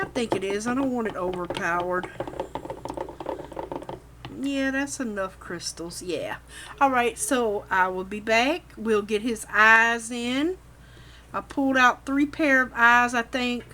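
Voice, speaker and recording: Chatting to herself as she works, a woman leads a folksy, informal craft tutorial. Her voice sits on the high side with a sharp tone, and a running machine and vacuum pump hum behind her.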